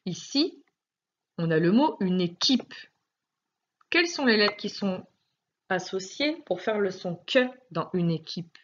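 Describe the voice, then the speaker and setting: Slow sing-song French teacher woman. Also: mid-range voice, expressive, lo-fi sound. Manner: slow, clearly articulated, sing-song emphasis on words. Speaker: primary school teacher. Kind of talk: recorded phonics lesson for young children.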